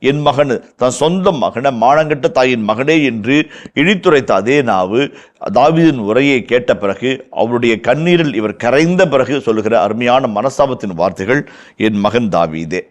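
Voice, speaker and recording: A man's voice: mid-range voice, lively intonation, normal speed. Tamil-accented male priest, verse-by-verse Bible teaching, fervent and repetitive for emphasis. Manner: impassioned, repeats phrases for emphasis, acts out quoted lines. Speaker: priest explaining scripture.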